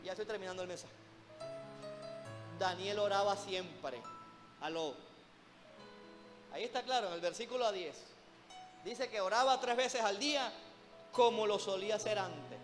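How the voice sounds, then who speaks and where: A man's voice: sits high, moderate pace, long pauses, in a large hall, faint music behind. A man preaching a sermon in a church, emphatic, repeatedly calling out to the congregation as brothers.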